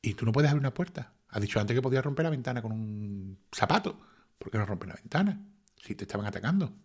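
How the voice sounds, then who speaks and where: A man at a home desk reads a legal text aloud at a rapid clip and keeps cutting in with his own commentary. His pitch sits in the middle, and he turns sarcastic and indignant, firing off rhetorical questions. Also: animated, slightly rough. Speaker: YouTube commentator.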